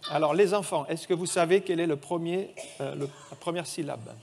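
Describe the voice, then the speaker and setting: A man's voice: fairly high pitch, a little fast, vocal fry, a little mellow. A man preaching a sermon in a church, reading scripture aloud and quizzing the children with a picture puzzle.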